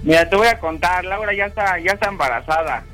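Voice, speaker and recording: A man's voice: sits high, lively intonation, quick pace, sharp tone, soft background music. A man playing a possessive young boyfriend in a radio prank call, curt and snapping. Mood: defensive.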